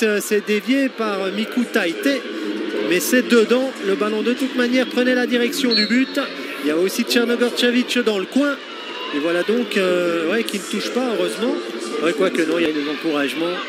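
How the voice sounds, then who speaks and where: A man giving excited live football commentary, exclaiming and repeating phrases for emphasis. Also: sits high. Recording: loud stadium crowd noise behind commentary. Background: stadium crowd and loud outdoor ambience.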